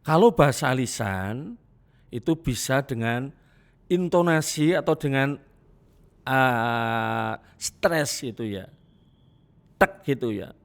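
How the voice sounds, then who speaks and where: A middle-aged man giving a classroom lecture, deliberate and repetitive, stressing examples with pauses. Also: mid-range voice, animated. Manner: slow, deliberate, repeats examples and emphasizes with pauses.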